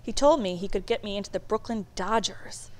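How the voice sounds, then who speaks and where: A woman with a mid-range voice reads a children's storybook aloud. Her narration is measured and expressive, in a classic storytelling style.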